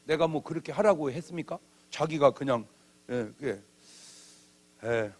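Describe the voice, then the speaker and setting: A man's voice: on the high side, a little slow. A man preaching a revival sermon in a church, with humor and acted-out bits of dialogue. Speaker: pastor. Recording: old church video.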